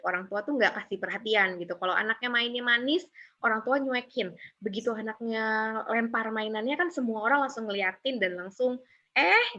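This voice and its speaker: A woman's voice: mid-range voice, muffled recording. A woman giving a casual, conversational webinar talk on raising young children, often acting out what parents say. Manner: relaxed conversational, many filler tags, acts out parent quotes. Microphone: video call.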